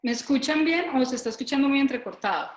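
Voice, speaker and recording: Woman lecturer on a video call: explanatory and self-correcting, slightly high voice, choppy, breaking-up connection, echoey room. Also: lively intonation, quick pace. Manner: patient, explanatory, corrects herself mid-sentence. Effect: choppy, breaking-up video-call audio. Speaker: lecturer on noninvasive ventilation.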